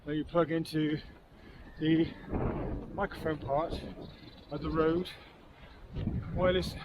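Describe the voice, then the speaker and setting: Breathless hiker in his fifties, slow and slightly high-voiced, rambling chat to viewers, heavy wind roar. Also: fairly even intonation. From England. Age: 50s. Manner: chatty, rambling asides to viewers. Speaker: wild camping vlogger. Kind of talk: casual chat to camera while hiking. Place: outdoors on a windy hillside. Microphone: clip-on wireless mic. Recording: loud wind noise outdoors.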